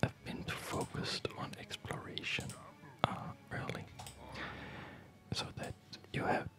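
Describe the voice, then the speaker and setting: While playing a video game, someone offers whispered ASMR commentary on their own play. The breathy, largely unvoiced whisper comes out in brief, hesitant musings.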